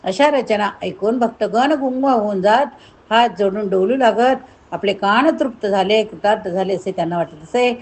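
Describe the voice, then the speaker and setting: A woman's voice: medium pitch, normal speed, a little mellow. A woman narrating a devotional story in a rhythmic, emphatic way, with rhyming lists.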